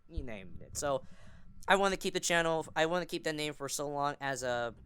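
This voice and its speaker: A young man, an amateur voice actor and fandubber, rambles enthusiastically like a fan while guesting on a podcast in casual conversation. His slightly high voice moves a little fast, clear and sharp with a resonant tone.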